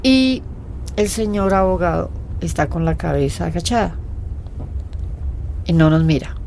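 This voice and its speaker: A woman in an interview, telling her own story in a lively way and acting out what people said. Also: lowish voice, unhurried, vocal fry, slight background noise.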